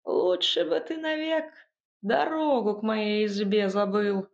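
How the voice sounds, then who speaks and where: A woman voicing a spiteful old crone witch, with a creaky, sneering voice and a mocking, scolding manner. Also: high-pitched, slow pace, highs cut off, voice pushed up, heavily acted. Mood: stern.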